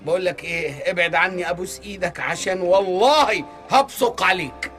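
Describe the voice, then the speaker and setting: An actor playing a broke, hot-tempered, sarcastic husband in a comic radio serial, with an Egyptian accent. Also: male voice, sits high, fairly quick, a bit bright, soft background music. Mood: mocking. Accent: Egyptian Arabic. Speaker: struggling husband and father.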